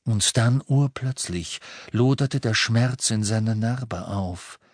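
A male narrator reads a novel at an unhurried, deliberate pace, in a measured, dramatic storytelling manner. His voice is dry and close, with no room around it. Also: on the low side, slightly rough, dry recording. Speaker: audiobook reader. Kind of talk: scripted narration. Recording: dry close studio sound.

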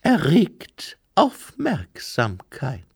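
A man putting on a prim, high-voiced noblewoman. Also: huge pitch swings, very slow, creaky, a little mellow, slightly rough, no echo, clean studio sound, heavily acted. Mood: insistent. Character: prim noblewoman, poised and insistent.

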